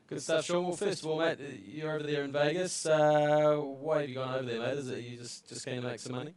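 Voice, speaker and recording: A man's voice: on the high side, fairly even intonation, brisk. A man co-hosting a sports podcast from a studio, friendly and conversational. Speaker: podcast co-host. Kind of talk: casual sports chat.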